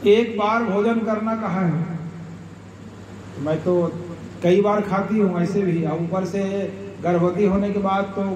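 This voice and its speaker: A man's voice: high-pitched, fairly even intonation, slow pace, pauses often, slight background noise. A man speaking as a fretful, self-pitying rich wife who whines through her list of complaints, heard from a distant mic in an echoey hall with a dull sound and a crowd present. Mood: complaining. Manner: whining, listing complaints in a reasoning tone.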